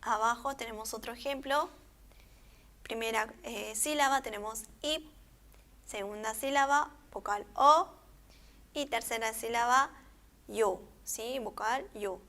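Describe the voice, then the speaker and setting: A woman teaching a language lesson, reading words syllable by syllable and repeating each one, often checking in with a quick question. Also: a little high, pushed and bright. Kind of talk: slow step-by-step pronunciation lesson.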